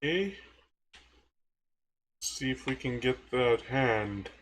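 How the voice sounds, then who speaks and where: A man's voice: mid-range voice, animated, slow, fairly bright tone, a little hiss or hum. A man live-streaming a video game, muttering to himself as he plays. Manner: muttering to himself while playing. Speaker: gaming streamer. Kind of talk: casual live-stream commentary.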